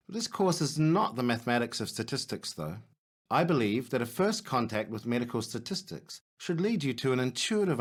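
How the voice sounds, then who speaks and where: A man voicing an earnest academic surgeon opening a workshop, with a lecturing, scripted delivery. His voice sits at a middling pitch. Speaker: clinical researcher leading a workshop. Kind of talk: scripted presentation.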